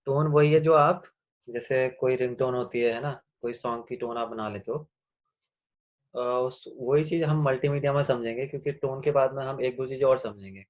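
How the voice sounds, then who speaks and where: A man teaching a class over a video call, explaining slowly and answering his own questions. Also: medium pitch, steady tone, lo-fi sound. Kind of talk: online class lecture.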